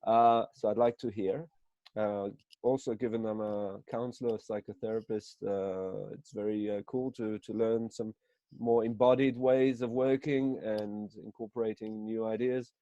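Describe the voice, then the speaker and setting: A man's voice: on the low side, fairly even intonation, moderate pace, mellow, no echo, lo-fi sound. A man from Israel, a counselor, introducing himself on a video call in a rambling, filler-heavy way. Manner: rambling, with many fillers and restarts. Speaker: counselor and psychotherapist. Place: home, early morning.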